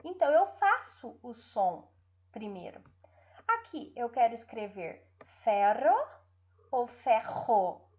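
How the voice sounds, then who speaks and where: A Brazilian woman teacher speaks in a bouncy, sing-song voice on a dull, lo-fi recording. She talks slowly and stretches out her syllables, pausing often to check that her young pupils follow. Her voice sits a little higher than most women's. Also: sing-song. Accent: Brazilian Portuguese. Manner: drawn-out syllables, frequent checking tags. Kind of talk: online lesson for young pupils.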